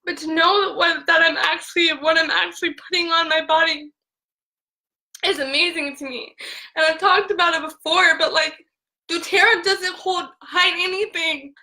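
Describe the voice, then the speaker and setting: Young woman, high bright voice; filler-heavy, emotional phone live rant. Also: fairly even intonation, moderate pace, poor audio. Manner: filler-heavy, repeats "like" constantly. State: tearful at times. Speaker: essential oils seller.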